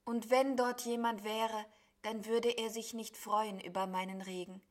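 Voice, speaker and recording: A woman's voice: on the high side, little pitch movement, measured pace, close to an everyday voice. A woman voicing a gloomy, sulky cloud creature that whines and complains. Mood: mournful. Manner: whiny, mournful.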